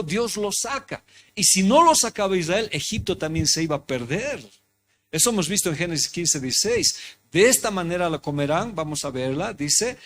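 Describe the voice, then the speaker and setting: A man preaching a sermon in church who keeps asking his congregation questions and repeating his phrases. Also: a little high. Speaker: pastor. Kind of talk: interactive sermon. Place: church hall.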